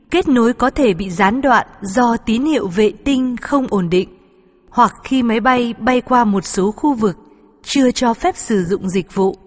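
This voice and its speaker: A woman speaking as a flight attendant, reading formal, polite scripted in-flight announcements. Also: medium pitch. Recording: long hall-like reverb.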